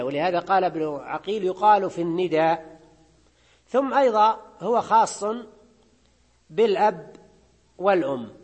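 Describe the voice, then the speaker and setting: A grammar teacher with a husky, fairly high voice lectures a class step by step, regularly checking in with listeners through a quick questioning prompt. His voice fades away into a long reverb.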